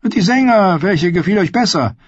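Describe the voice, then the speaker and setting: A man voicing a sardonic, witty dwarf nobleman with dry, sarcastic quips, raised in pitch. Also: expressive, normal speed, slightly rough, no echo, muffled recording. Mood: wry.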